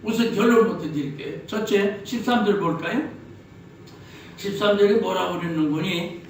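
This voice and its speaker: With a high-pitched voice, some vocal fry, and a normal speaking speed, a pastor from Korea's Chungcheong region gives a sermon full of jokey anecdotes and rhetorical questions. The sound is distant and very echoey, as if in a large hall, with faint noise behind him.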